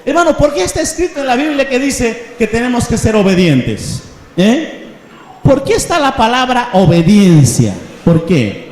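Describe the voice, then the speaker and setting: A man preaching a sermon with a very high voice, stressing his points and often breaking into shouts. He is recorded in a large church hall, and each line trails into long reverb. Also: sing-song, moderate pace. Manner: emphatic, rising to shouts. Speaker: pastor.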